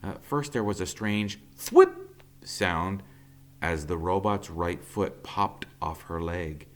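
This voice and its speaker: A low-pitched man reads a children's novel aloud, telling the story theatrically and emphatically with dramatic pauses.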